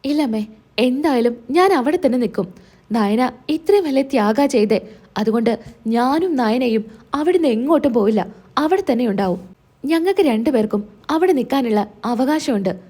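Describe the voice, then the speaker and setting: A woman's voice: high voice, expressive, normal speed, dark tone, husky. A woman reading the lines of a determined young married woman speaking firmly to her family in a retold serial.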